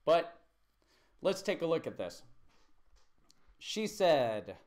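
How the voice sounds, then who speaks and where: A man's voice: a little high, sing-song, takes it slowly, a little mellow. A man teaching English on a live stream, chatty and thinking aloud as he corrects a student's writing at his computer. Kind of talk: live-streamed online lesson.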